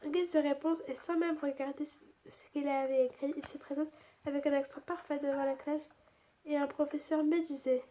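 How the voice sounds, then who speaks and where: A woman's voice: high voice, fairly even intonation, a little fast, mellow. A woman reading a first-person story aloud, chatty, with restarts and asides.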